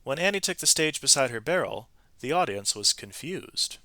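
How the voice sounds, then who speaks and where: A man reads a children's story aloud with lively, animated expression, shifting his emphasis from phrase to phrase. His pitch is medium and his speed normal, with no room sound.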